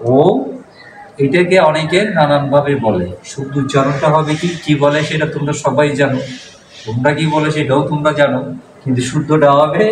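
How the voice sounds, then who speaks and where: Man, monk teacher, patient classroom lesson, repeats sounds slowly, quizzes students, distant mic, roomy echo. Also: a little high. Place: classroom with a board. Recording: echoey room, distant mic, noise.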